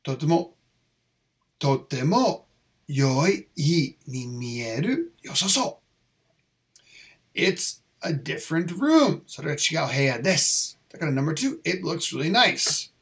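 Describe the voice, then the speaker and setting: Teaching in a mix of Japanese and English, a man goes over English test answers at an easy pace, repeating each phrase with care. His voice sits a little high for a man, a bit bright, and swings widely in pitch.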